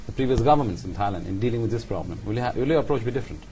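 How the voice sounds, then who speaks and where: Guy doing a formal interview, lowish voice, keeps rephrasing his questions, slight background noise. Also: lively intonation, rapid-fire, warm tone, poor audio. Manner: conversational, probing, rephrases and sums up.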